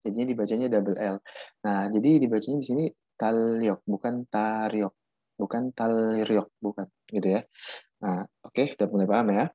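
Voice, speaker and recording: Man, casual teacher, mellow voice, dull muffled audio. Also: on the low side, quick pace, breathy edge, no room sound. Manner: casual, repeats and restarts while explaining. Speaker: Korean language teacher. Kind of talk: online class explaining Korean pronunciation.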